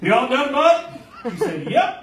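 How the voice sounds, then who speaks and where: A man's voice: very high voice, very animated, a little slow, a crowd in the background. A man in his thirties from Maryland doing a brash, profane stand-up set on a small club stage, acting out the people in his stories. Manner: brash, profane storytelling, acts out quoted voices. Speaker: stand-up comedian. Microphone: handheld mic, filmed from the audience. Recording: roomy club sound from far off, loud audience laughter. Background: audience laughter.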